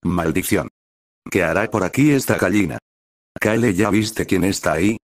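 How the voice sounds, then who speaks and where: A man voicing a hot-tempered, protective older sister who scolds and shouts. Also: sits low, moderate pace, no echo, clean studio sound. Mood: brash.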